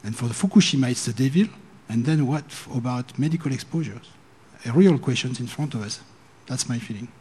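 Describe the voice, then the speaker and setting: A man making a measured, earnest comment from the floor at a conference. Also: mid-range voice, expressive, mellow, husky. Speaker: commissioner speaking from the floor. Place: conference hall.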